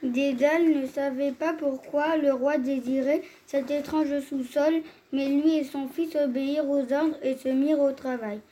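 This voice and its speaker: A woman reading a myth aloud as storyteller, in a measured and expressive way. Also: sits high, rough recording.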